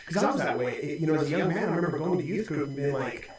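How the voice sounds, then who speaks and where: A man's voice: on the high side, lively intonation, racing. A man in his forties, a pastor, talking reflectively in casual conversation with many restarts. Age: 40s. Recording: very echoey room.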